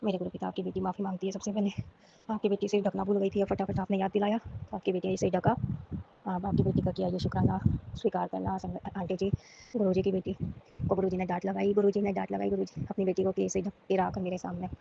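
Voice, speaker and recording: A woman from Rajasthan giving a devotional thanksgiving testimony, speaking softly and slowly and repeating her words of thanks. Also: mid-range voice, completely flat delivery, vocal fry. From Rajasthan, India. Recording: muffled lo-fi recording with loud background noise.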